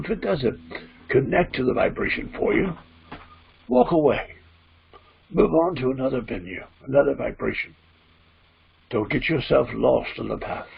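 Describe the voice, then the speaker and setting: A solemn spirit guide speaks through a man acting as medium in a seance trance. The voice is heavily gravelled and rough, with deliberate, preachy phrasing that repeats for emphasis. The recording is slightly muffled and lo-fi. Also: medium pitch, heavily acted. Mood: solemn, admonishing. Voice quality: gravelly, husky. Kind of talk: trance-channeled spiritual teaching. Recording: dull, muffled lo-fi audio.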